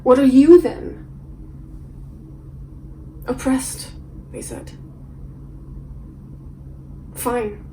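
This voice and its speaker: A woman's voice: a little high, a little slow, background noise, close to an everyday voice. An actress playing a defiant woman who delivers a dramatic monologue of mounting rhetorical questions. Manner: building, impassioned rhetorical questions. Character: defiant woman who resents being seen as nice. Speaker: actor in a showreel scene.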